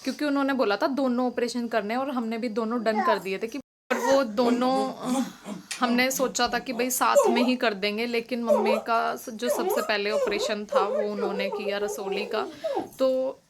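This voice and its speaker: A woman's voice: a little high, lively intonation, moderate pace, a loud crowd. A young woman talking casually in a home vlog, explaining at length with many fillers and restarts. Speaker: vlogger.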